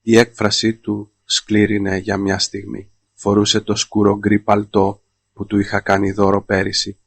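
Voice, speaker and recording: A man narrating a scripted first-person story in a flat, monotone reading. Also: fairly low pitch, creaky, no echo.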